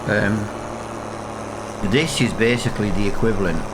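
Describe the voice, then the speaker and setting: Amid background noise, a gaming channel host with a lowish, congested and sniffly voice thinks aloud at normal speed while playing a farming game. His let's-play commentary is casual and full of fillers.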